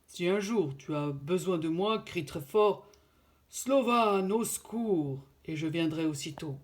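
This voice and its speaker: A woman voicing a big, tender brown bear in a storybook reading, talking quickly and with emphasis. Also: low-pitched, darkish tone, lightly acted. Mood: emotional.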